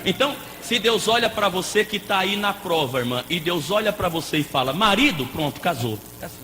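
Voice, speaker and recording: A man preaching a lively sermon as a pastor, playful and joking with the congregation. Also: sits high, fairly quick. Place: church hall. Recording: echoey hall with faint noise.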